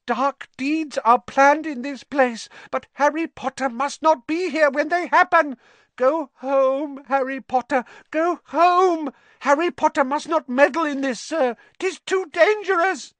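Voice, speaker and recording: A man voicing an anxious, servile little male house-elf in a storybook, with a squeaky, stammering, pleading manner. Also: a little slow, a bit bright, no echo. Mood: fearful pleading. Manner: stammering, pleading, speaks of self in third person.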